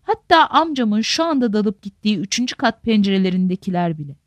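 A woman narrating a novel in a measured, literary manner. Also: mid-range voice, very animated, dry recording, lo-fi sound. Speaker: audiobook narrator.

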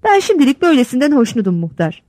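A woman's voice: high-pitched, big pitch swings, fast, warm tone, no room sound, studio quality. A woman voicing an easygoing young male schoolteacher who answers with teasing amusement, in a read-aloud story. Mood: amused.

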